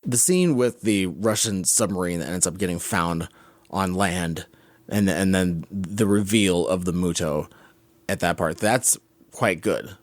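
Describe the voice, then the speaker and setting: Man, podcast co-host, very deep voice, measured, halting, dry recording. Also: no room sound. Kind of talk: casual chat about films.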